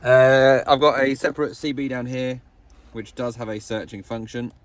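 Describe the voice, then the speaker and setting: Sitting in a parked pickup truck, a British radio hobbyist hosts a casual vlog, chatting to camera with wry, understated humour. His voice is medium-pitched and level, at a moderate pace.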